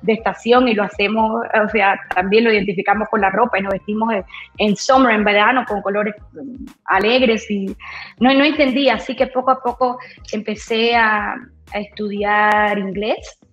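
A woman radio announcer telling her story in an interview, bold and lively, acting out the voices of people she quotes. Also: medium pitch, normal speed. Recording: roomy echo, dull lo-fi sound, faint music.

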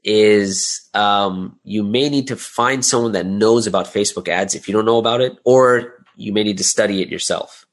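At a moderate pace with hardly any pauses, the interview guest speaks in a fairly low voice. He's a business owner and audio drama creator who answers casually, repeating phrases as he reasons his way through explanations.

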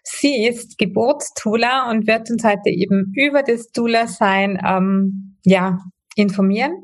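A woman's voice: mid-range voice, measured pace. A woman hosting a podcast, welcoming a guest and asking long, rambling questions in a casual way. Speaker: podcast host.

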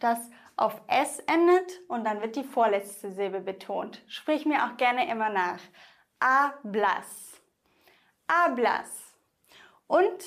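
A young woman gives an online language lesson in a somewhat high voice. She speaks slowly and deliberately, repeating each example word so the listener can say it after her. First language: German. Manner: slow, careful, repeats example words for the listener to echo. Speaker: Spanish pronunciation teacher.

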